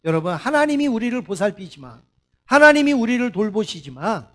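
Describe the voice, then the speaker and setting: A man's voice: sits high, big pitch swings, a little fast. A man preaching a Sunday sermon as a pastor in a church, emphatic and repetitive, leading the congregation in readings. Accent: Korean. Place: church sanctuary.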